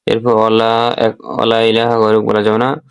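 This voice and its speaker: A man teaching how to pronounce a prayer, repeating each phrase slowly for learners. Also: lowish voice, monotone, smooth, no room sound. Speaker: religious teacher. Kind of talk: recitation lesson.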